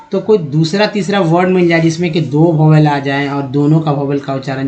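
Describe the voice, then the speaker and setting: A man from India teaching English pronunciation step by step, often asking the viewer questions. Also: a little high. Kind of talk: spoken phonics lesson.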